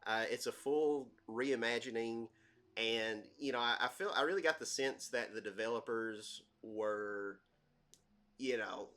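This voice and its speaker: A man's voice: medium pitch, a little slow, fairly bright tone. A young man casually rambling through let's play commentary, full of fillers and self-deprecating asides. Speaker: gaming channel host.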